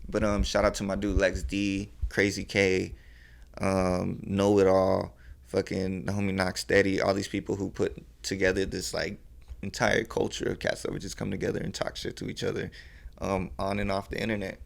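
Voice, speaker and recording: Young guy, low gravelly voice, pretty flat delivery, loose rambling podcast talk full of swearing. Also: normal speed. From California. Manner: laid-back, rambling, heavy swearing and fillers. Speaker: podcast guest, battle rapper. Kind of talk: casual podcast chat.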